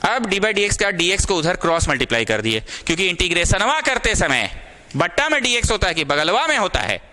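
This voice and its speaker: His voice is high-pitched, sing-song, pushed, and bright as the young maths tutor teaches a small class at normal speed. He switches between Hindi and English and scolds the students, though affectionately.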